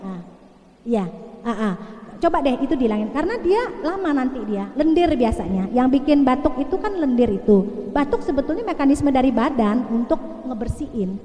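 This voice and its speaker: A woman's voice: high-pitched, lively intonation, moderate pace, dark tone. A middle-aged woman pediatrician giving a chatty, reassuring talk to parents and taking their questions. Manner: chatty, reassuring, frequent "ya" tags. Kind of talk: casual lecture with audience Q&A. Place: large hall. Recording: echoey hall, long reverb.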